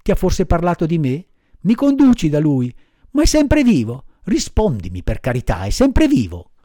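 A man voicing an eager, impulsive wooden puppet boy in a high, pleading, excitable storybook voice. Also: normal speed, no echo, studio quality. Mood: excited. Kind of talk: audiobook character voice.

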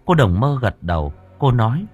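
A man narrating an audiobook story in an expressive storytelling manner. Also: medium pitch, normal speed, breathy edge, lo-fi sound. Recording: narration with faint music.

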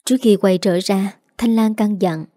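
A woman's voice: medium pitch, fairly even intonation, moderate pace, mellow, no room sound, clean studio sound. A woman reading a serialized drama story aloud, voicing every character in her own voice. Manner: reads every character herself with small voice shifts.

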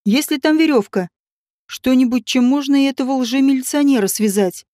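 A woman's voice: high-pitched, a little fast, mellow, no echo, studio quality, natural voice. A woman voicing a stern man who takes charge and gives curt orders. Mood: commanding. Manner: curt, commanding.

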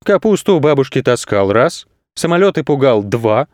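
A man's voice: mid-range voice, big pitch swings, normal speed, darkish tone, no room sound, clean studio sound, close to an everyday voice. A man voicing gossipy wooden carousel horses in a children's story. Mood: disappointed.

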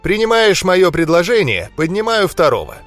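A man's voice: sits high, sing-song, normal speed, a bit bright, soft background music, pitched above the performer's own voice. Man voicing a jeering villainous mentalist. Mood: mocking. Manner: taunting, jeering. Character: mocking cruel male mentalist villain.

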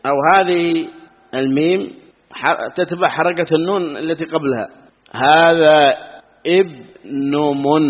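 A man's voice: fairly high pitch, husky. A man teaching a classroom lesson on Arabic spelling, explaining step by step and asking questions he answers himself. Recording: lo-fi recording with long hall reverb.

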